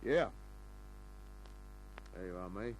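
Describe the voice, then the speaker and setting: Larry Kent, low-voiced needling private eye. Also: male voice, expressive, takes it slowly, soft background music. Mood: cool, probing. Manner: wry, taunting tough talk. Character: cool, needling, hard-boiled male private detective. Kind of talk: old-time radio crime drama acting with first-person narration. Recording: noisy, humming old radio recording.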